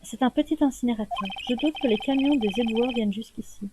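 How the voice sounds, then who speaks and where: A woman hosting a let's play, reading the game's text aloud evenly and adding soft casual asides. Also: a little high, quick pace, background noise. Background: game music.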